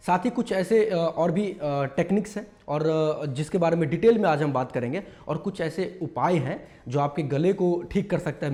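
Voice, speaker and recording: A man's voice: a little high, mellow. A man casually teaching mimicry, explaining step by step with lots of fillers. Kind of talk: casual tutorial talk.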